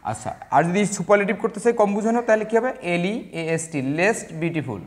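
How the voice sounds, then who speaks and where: High-voiced man teaching grammar slowly. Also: expressive. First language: Bengali. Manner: slow and deliberate, spelling words letter by letter, with hesitations. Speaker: English teacher. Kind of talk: classroom grammar lesson.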